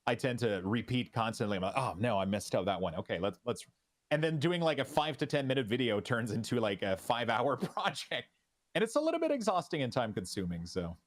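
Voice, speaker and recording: Speaking with medium pitch, this man is a native French speaker with a French Canadian accent. He appears as a streamer guest in an interview, talking in a relaxed, casual way that stops and restarts many times.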